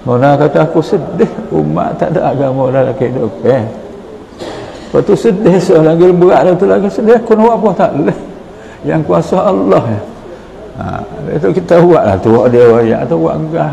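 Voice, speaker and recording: Gravelly Patani Malay preacher. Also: male voice, fairly high pitch, expressive, normal speed, dark tone, muffled recording, slight background noise. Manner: storytelling, quotes prayers and dialogue. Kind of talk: morning sermon. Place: mosque hall.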